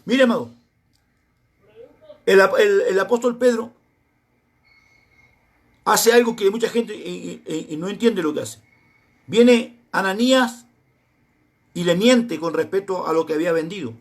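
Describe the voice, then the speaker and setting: A middle-aged Argentine man preaches in a strikingly high voice for a man. He tells a personal testimony as a sermon and acts out the conversations in it, voicing each side in turn. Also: measured pace, long pauses. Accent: Argentine Spanish. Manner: storytelling, acting out both sides of dialogues.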